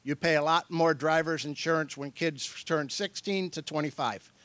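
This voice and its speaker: A man's voice: on the high side, fairly even intonation, moderate pace, fairly bright tone, no echo. A middle-aged man giving an informal workshop lecture in a conversational, loosely hedged way as the presenter. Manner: conversational, hedging, chuckles often.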